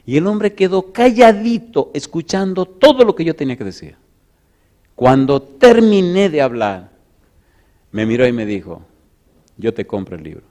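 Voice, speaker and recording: A middle-aged man preaching, telling a story with laughter and big swings from loud to hushed. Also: a little high, sing-song, normal speed. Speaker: pastor. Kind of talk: storytelling sermon.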